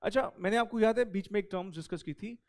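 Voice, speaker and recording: High-voiced man teaching accounting. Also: fast, darkish tone. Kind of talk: recorded classroom lecture.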